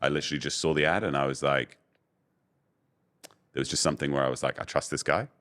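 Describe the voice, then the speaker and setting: A young adult man with a very deep voice, telling candid stories in a casual podcast interview as a guest. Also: quick pace. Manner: relaxed, candid storytelling with many fillers. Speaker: guest, voice-over artist and agency owner.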